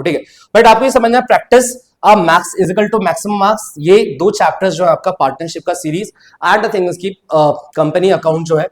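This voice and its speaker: Guy teaching exam prep, kinda high voice, keeps saying bachcha and slips english terms into his hindi. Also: darkish tone. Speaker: accountancy teacher.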